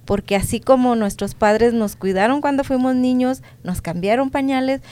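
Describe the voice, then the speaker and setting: Earnest higher-voiced woman co-host. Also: normal speed, warm tone. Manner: earnest, reasoning aloud.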